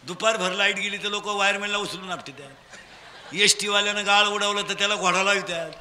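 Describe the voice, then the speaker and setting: High, bright-voiced Khandeshi kirtan preacher. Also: male voice, steady tone, fairly quick, in a large hall. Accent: Khandeshi Marathi. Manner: teasing, call-and-response with children, shouting prompts. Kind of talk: humorous kirtan sermon to a crowd.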